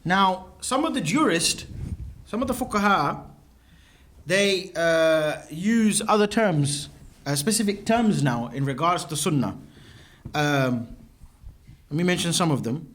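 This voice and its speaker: A man teaching a classroom lesson with a high voice and a lively, rising and falling delivery. He explains each term one at a time and keeps checking in with a questioning "yeah?". He moves about as he writes on the board. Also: measured pace, long pauses. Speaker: religious teacher. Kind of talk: classroom lecture.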